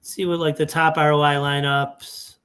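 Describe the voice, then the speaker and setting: A man with a somewhat raised pitch talks loosely as an analyst going over fantasy sports picks. He thinks aloud and backtracks, conversational rather than scripted. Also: flat delivery, moderate pace, fairly bright tone, smooth. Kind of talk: casual screen-share walkthrough.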